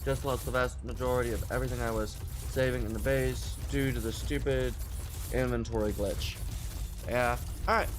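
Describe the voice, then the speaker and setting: A man's voice: mid-range voice, fairly even intonation, normal speed, background noise. A man reading a game's story text aloud with casual commentary, sometimes stumbling and correcting himself as he goes. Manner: stumbles over and corrects words while reading.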